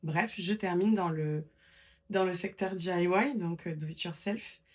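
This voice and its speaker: Femme bavarde à la voix un peu grave. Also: female voice, lowish voice, unhurried, darkish tone. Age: 20s. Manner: chatty storytelling, many fillers and restarts. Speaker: guest. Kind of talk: casual interview chat.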